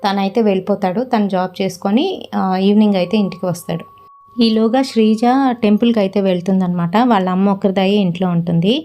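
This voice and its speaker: A woman telling a horror story in a casual, relaxed way, with frequent fillers. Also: medium pitch, fast talker.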